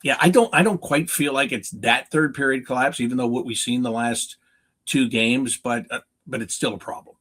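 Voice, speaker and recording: A North American hockey play-by-play announcer appears as a guest analyst, giving unscripted, emphatic sports analysis and often asking questions he answers himself. His mid-range voice is fairly bright and moves at normal speed.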